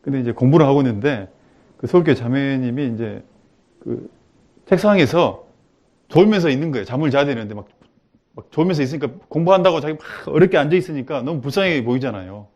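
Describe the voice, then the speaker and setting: A male preacher gives a church teaching talk. His voice sits at an ordinary middle pitch. He drops low and soft to explain, then acts out short quotes with sudden loud, lively bursts. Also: fast, highs cut off.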